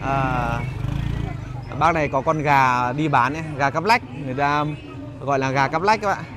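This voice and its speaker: A man giving a casual walking vlog commentary as a guide, pausing often on fillers as he talks to viewers. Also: medium pitch. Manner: hesitant phrasing with frequent filler pauses. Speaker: market vlogger and guide. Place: outdoors in a busy rural street market. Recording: noisy outdoor market street ambience. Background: market bustle and vehicles.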